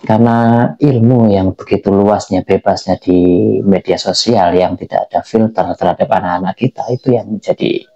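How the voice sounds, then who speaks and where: A man giving unscripted political commentary in a halting way, repeating phrases for emphasis. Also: on the low side, steady tone, mellow, muffled recording. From Indonesia. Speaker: commentator giving personal opinion.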